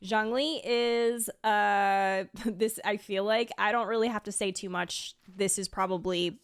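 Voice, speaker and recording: Her mid-range voice is steady, clean and unhurried, captured in studio quality without any room sound. The woman, a video host and streamer, runs through a ranking in a casual, giggly style, offering enthusiastic, gushing reactions.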